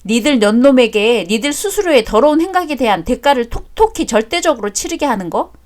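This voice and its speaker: A woman acts out an angry confrontation in a radio drama, her voice high and lively. She speaks in a sharp, scolding manner. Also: a little fast. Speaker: narrator and voice actor.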